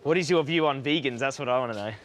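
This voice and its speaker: A man's voice: medium pitch, very fast. A man chatting casually as an activist, putting questions and explaining his point of view. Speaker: vegan activist. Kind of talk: casual chat.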